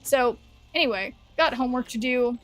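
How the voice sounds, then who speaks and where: A woman's voice: fairly high pitch, normal speed. A woman chatting casually on a live game stream, rambling and answering chat, her voice worn from talking. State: losing her voice.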